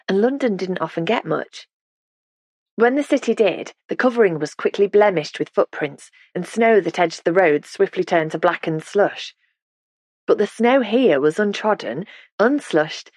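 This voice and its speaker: A woman narrating an audiobook in a measured, gentle storytelling manner, close to the mic. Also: mid-range voice, animated, no echo. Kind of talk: scripted narration.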